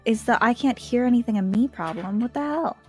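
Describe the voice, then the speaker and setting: A woman's voice: fairly high pitch, expressive, fairly quick, a little mellow, slightly rough, faint music behind. A young woman chatting casually and bluntly over a livestream headset mic while drawing, swearing freely. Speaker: art streamer.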